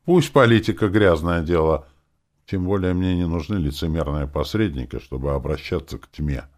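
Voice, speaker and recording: A man's voice: low-pitched, moderate pace, darkish tone, close to an everyday voice. A man reading an audiobook, voicing a bold, headstrong young daughter who talks back sharply and mockingly. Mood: resolute.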